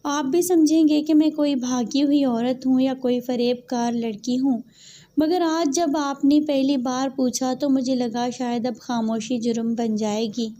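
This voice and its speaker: Timid young wife, meek and apologetic, high mellow voice as a woman reads her lines. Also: steady tone, slight background noise, close to an everyday voice. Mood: pleading.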